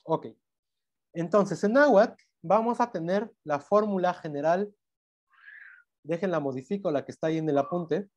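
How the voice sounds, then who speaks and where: A man's voice: sits high, normal speed, a little mellow, muffled recording. Man, Mexican Spanish accent, university lecturer, grammar lesson, patient, self-correcting, tag questions. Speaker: university language teacher.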